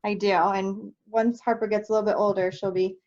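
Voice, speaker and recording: A woman's voice: mid-range voice, little pitch movement, brisk, a little mellow, dull audio. A young woman from Nebraska, a teacher answering interview questions in a cheerful, easygoing way. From Nebraska, United States. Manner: cheerful, easygoing, light laughs. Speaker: third grade teacher, guest.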